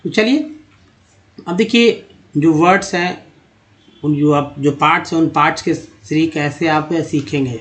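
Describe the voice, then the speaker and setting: Slow, patient male phonics teacher. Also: on the high side, a bit bright. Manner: drawn-out, repeating words slowly to show pronunciation. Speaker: English teacher. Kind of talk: slide-based phonics lesson.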